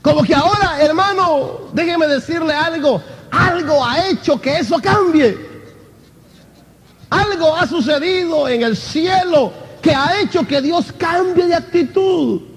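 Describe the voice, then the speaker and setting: A man's voice: very high-pitched, unhurried. A man preaching an impassioned sermon as pastor, addressing the congregation again and again as brother. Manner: impassioned preaching, often calling out "hermano". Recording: long hall reverb.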